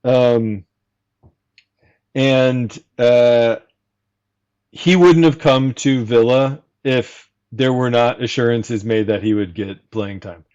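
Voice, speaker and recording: A man chatting as a fan guest on a casual podcast, explaining his points at length in a measured, analytical way. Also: mid-range voice, darkish tone, smooth, highs cut off.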